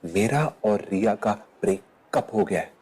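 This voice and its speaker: A dismissive young ex-boyfriend. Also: male voice, lowish voice, expressive, measured pace, a little mellow, slightly rough. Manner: dismissive, impatient.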